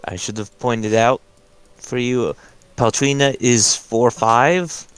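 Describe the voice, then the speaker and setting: A man's voice: medium pitch, steady tone, takes it slowly, clean tone, no echo. A man playing a tabletop game, chatting casually and joking. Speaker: player.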